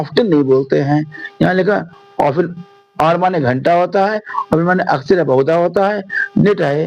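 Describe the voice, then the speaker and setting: A man from India with a Hindi accent, teaching an English lesson in Hindi and reading the English lines out slowly. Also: sits high, creaky, highs cut off. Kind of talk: classroom lesson explanation.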